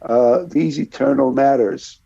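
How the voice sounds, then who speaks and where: A man's voice: medium pitch, measured pace, gravelly, dark tone, breathy edge. A man co-hosting a Torah study discussion, talking with enthusiasm, often laughing and repeating words as he thinks. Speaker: podcast co-host. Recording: dull lo-fi sound.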